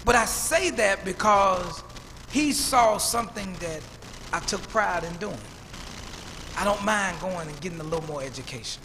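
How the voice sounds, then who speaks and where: Male pastor, fifties, high voice, storytelling sermon, reverberant church hall. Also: animated, normal speed, sharp tone. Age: 50s. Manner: preacherly storytelling, repeats words when building up. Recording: church hall reverb, faint room noise.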